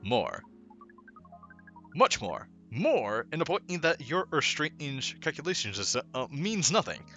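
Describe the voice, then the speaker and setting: A man's voice: fairly high pitch, huge pitch swings, takes it slowly, fairly bright tone, highs cut off, faint music behind, voice pushed up, exaggerated voice. A man voicing a friendly alien visitor in a game, who speaks formally and a little stiffly, always as "we". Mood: cheerful. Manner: upbeat, formal, slightly stilted phrasing.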